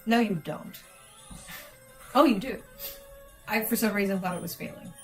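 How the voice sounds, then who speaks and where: A woman's voice: mid-range voice, normal speed. Chatty, teasing woman watching a game. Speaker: co-host watching a video game. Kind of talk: casual gameplay chat. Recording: faint game music behind.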